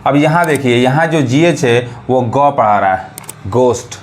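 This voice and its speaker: A man teaching a pronunciation lesson to viewers, drawing words out slowly and asking if they follow. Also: medium pitch, lively intonation. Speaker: English teacher. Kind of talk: classroom lesson.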